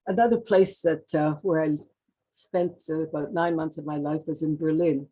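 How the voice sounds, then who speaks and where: An older woman from Canada reading her own poems aloud in a slow, measured recitation, with a few restarts between lines. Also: low-pitched, steady tone, warm tone, husky, low-quality recording. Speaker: poet. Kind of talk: poetry reading.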